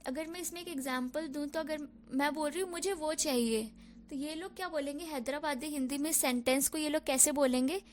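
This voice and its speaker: Young female tutor, bright high voice, patient explainer who drops in English words. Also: a little fast, slight background noise. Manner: mixes English words into Hindi, checks in with "ok" and "theek hai". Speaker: teacher. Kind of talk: explaining a lesson.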